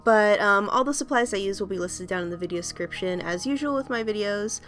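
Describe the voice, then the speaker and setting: A woman hosts her art video with a casual, rambling voice-over full of ums and small laughs, her voice still a bit scratchy from a cold. She speaks briskly at a medium pitch with a fairly bright tone, faint music behind her.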